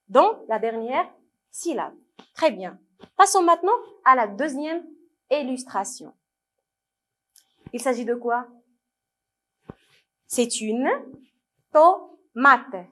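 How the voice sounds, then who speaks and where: Slow, patient woman teaching young children. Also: a little high, a bit bright. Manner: slow, patient, drawing out words syllable by syllable; asks questions to young pupils and praises them. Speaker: primary school French teacher. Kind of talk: televised distance-learning lesson.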